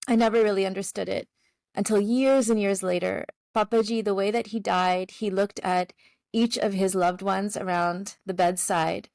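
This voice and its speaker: A woman guest in an interview, telling a family story in a gentle, heartfelt way with soft laughs. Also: medium pitch, fairly even intonation, normal speed, creaky, no room sound, low-quality recording.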